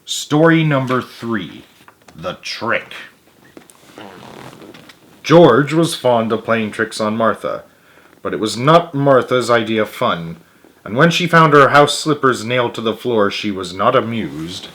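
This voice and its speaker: A slow, mid-range male voice narrates a story with plenty of expression. Character lines come out emphatically, and now and then he mutters his own asides.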